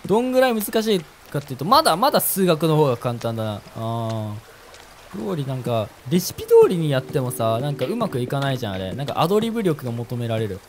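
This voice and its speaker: A man's voice: medium pitch, huge pitch swings, fast talker, slight background noise. Jumpy young man playing a horror game. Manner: chatty, jumpy, reactive. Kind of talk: casual game commentary. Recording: game music playing behind.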